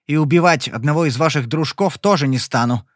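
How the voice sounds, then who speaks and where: A man voicing a charming young gambler in an audiobook, smooth and mocking. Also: a little high, brisk, dry recording, studio quality, close to an everyday voice. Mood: cool. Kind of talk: audiobook character voice.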